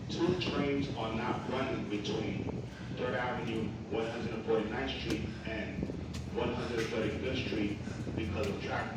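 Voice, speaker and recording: A man reading a scripted public transit service announcement, in the manner of an airport announcement. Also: medium pitch. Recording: very echoey distant PA, loud noise.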